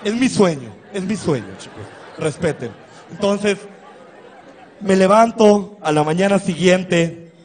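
A man's voice: high voice, expressive, unhurried, darkish tone, a faint crowd. A man with a Sinaloan Mexican accent doing crude, exaggerated stand-up comedy in a campy female persona on a club stage. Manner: crude, exaggerated, shrieking quotes. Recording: reverberant live venue.

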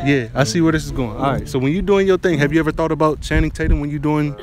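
Teasing street interviewer guy, talks fast and high, music going underneath. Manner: playful, teasing, slangy, repeats "all right, bet". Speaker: street interviewer and channel host. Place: outdoors on a college campus at dusk. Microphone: handheld phone held out to guests.

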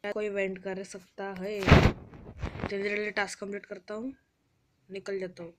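A woman's voice: medium pitch, level tone, moderate pace, very noisy. A woman giving casual, chatty commentary while playing a video game, whining and pleading in fun. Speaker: gamer.

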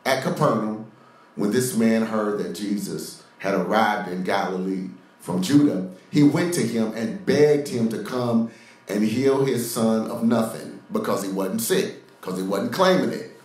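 A man with a medium-pitched, darkish voice preaches an unhurried, sermon-style podcast, far from the mic in a very echoey room. He reads scripture and breaks off into sarcastic, mocking asides.

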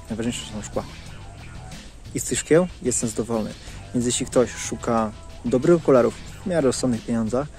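Standing in leafy woodland, a man in his thirties gives a casual product review to camera, recorded on a clip-on lapel mic. His voice is medium-pitched and a little mellow.

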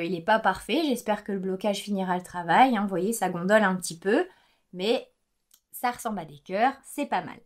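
A young adult woman chatting casually about her knitting projects in a vlog, with frequent fillers and self-corrections. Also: mid-range voice. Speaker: knitting podcaster.

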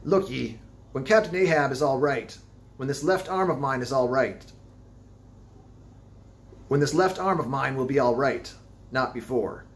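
A man's voice: mid-range voice, unhurried, long pauses, pitched above the performer's own voice, close to an everyday voice. A man voicing a ragged, wild-eyed old sailor who talks in cryptic, insistent old seafaring dialect. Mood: ominous.

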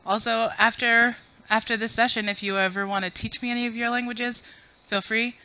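This conference speaker, a woman in her thirties originally from Afghanistan, has a slightly high, smooth voice that is steady, fairly quick, pushed and bright. She chats, makes fun of herself and runs polls for a full room through a podium mic. The audio is poor.

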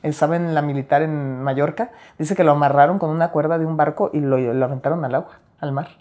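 Low-voiced woman telling stories. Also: fast. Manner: animated storyteller, acts out quoted lines, laughs between stories. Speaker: interviewee. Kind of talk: candid interview storytelling.

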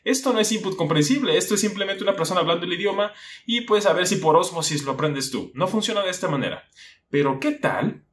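Talking fast with a high voice and lively intonation, a young man delivers a casual language lesson on YouTube. He addresses the viewer directly with plenty of questions and plays the part of a teacher in his explanatory monologue.

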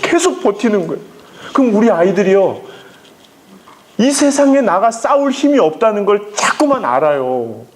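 A pastor lecturing parents in an animated, emphatic way, acting out voices as he speaks to a live audience. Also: high voice, moderate pace, slight background noise. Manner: emphatic, acts out quoted voices, often says "막".

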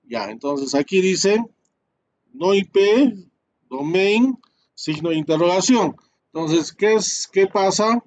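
A man's voice: high-pitched, lively intonation, slow pace. A male networking instructor walking students through a switch lab step by step, full of fillers and tag questions. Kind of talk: live screen-share class.

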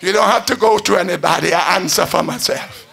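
An older man preaching at a church pulpit, chanting and shouting in a sing-song call-and-response style. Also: sits high, brisk, vocal fry, breathy edge. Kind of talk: chanted Pentecostal sermon. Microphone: pulpit stand mic.

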